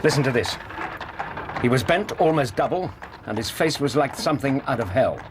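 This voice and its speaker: An actor playing a loyal, practical English gentleman doctor in a radio drama, with a dry, mildly put-upon manner. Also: mid-range voice, lively intonation, moderate pace, noisy background, close to an everyday voice. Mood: quietly pleased.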